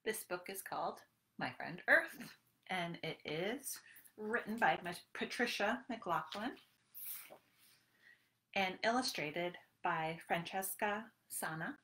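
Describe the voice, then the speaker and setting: A thirty-something woman, in the role of a librarian, cheers small children along through storytime in a sing-song way. Her voice is on the low side yet bright, expressive and forceful, and she speaks slowly. Recorded indoors on a home webcam in a small room, it has a roomy echo.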